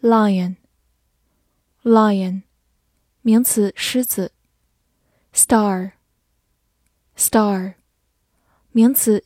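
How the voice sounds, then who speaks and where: A woman teaching English vocabulary, spelling words letter by letter and reading sentences slowly for listeners to repeat. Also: medium pitch, dark tone, slightly rough, no echo, studio quality. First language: Chinese. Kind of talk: slow, careful vocabulary lesson.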